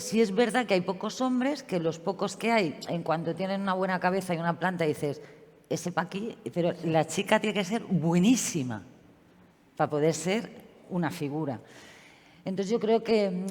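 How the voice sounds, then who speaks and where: Lively woman in her fifties. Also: fairly low pitch. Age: 50s. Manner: colloquial, lively storytelling. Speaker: panelist and former ballet director. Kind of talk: casual panel talk. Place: museum venue at a political convention. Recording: long hall reverb.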